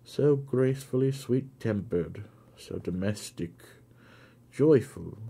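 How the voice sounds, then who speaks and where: A man's voice: mid-range voice, lively intonation, creaky, dark tone, slightly rough, heavily acted. A man voicing a solemn cricket fairy spirit. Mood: tender. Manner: slow, earnest pleading.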